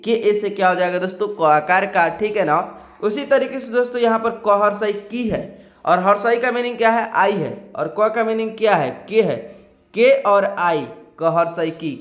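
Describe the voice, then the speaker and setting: A man with a North Indian Hindi accent gives a patient classroom lesson, drawing out each syllable slowly to model pronunciation. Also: high-pitched, roomy sound. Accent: Hindi-speaking North Indian. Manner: patient and repetitive, often asking "ठीक है ना". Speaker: teacher.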